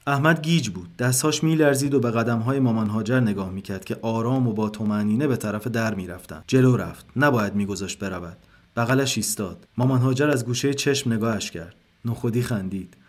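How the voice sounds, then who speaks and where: Man, story narrator, calm measured reading, mid-pitched voice.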